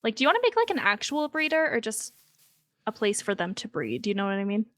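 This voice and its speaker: A woman's voice: fairly high pitch, sing-song, fast talker, fairly bright tone, no room sound, clean studio sound. A woman chatting casually as a co-player during gameplay. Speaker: co-player in a gaming video.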